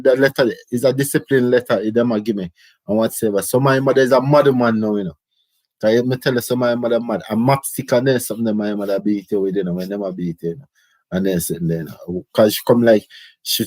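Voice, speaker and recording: A man's voice: medium pitch, darkish tone, dry recording. A middle-aged Jamaican man telling his life story in casual, rambling patois. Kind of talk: casual autobiographical chat.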